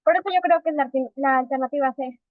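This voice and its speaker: A woman's voice: sits high, fast, no echo, phone-quality sound. A woman student answering a class question, reasoning aloud and correcting herself.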